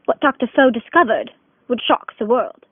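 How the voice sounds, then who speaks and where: A woman's voice: fairly high pitch, big pitch swings, normal speed, dry recording. A woman narrating a student mock documentary in a dramatic announcer tone. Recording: dry, tinny phone-like voice-over.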